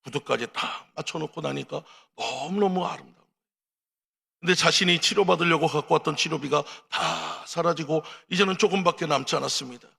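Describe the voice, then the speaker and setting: A man's voice: fairly high pitch, a little fast, creaky, sharp tone, slightly rough. A man preaching a fervent revival sermon in a prayer retreat hall, with impassioned, rising declarations. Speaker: pastor. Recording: long reverb of a large hall.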